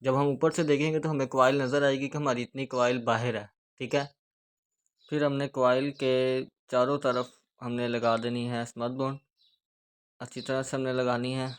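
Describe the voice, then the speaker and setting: A man's voice: medium pitch, clear, resonant tone. A man with a Pakistani Urdu accent giving a hands-on speaker repair tutorial, explaining each step steadily as he works. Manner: steady, repetitive explaining while working with hands.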